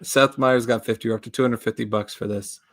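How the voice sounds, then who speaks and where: A man's voice: mid-range voice, fast. Chuckling man reading chat comments. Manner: chuckling, reads out viewer comments in a lively way. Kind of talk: casual sports betting podcast chat.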